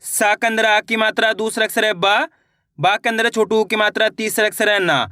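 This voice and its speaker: A male teacher slowly sounds out Hindi words syllable by syllable for a reading lesson, and speaks more briskly when he explains. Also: high voice, level tone, sharp tone, no room sound, clean studio sound.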